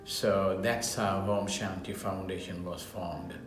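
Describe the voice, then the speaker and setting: Halting, low-voiced man from Sri Lanka. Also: steady tone. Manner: simple, halting English with restarts. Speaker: charity founder. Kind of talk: personal story to camera. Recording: echoey room with music underneath.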